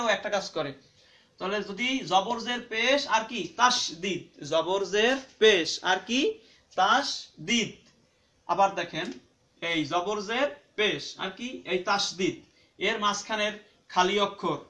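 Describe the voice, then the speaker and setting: High-voiced man teaching Quran reading. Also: bright, forceful tone. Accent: Bangladeshi Bengali. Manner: asks and answers his own questions, repeating terms slowly; drawn-out syllable-by-syllable spelling of letters. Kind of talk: spoken classroom-style lesson.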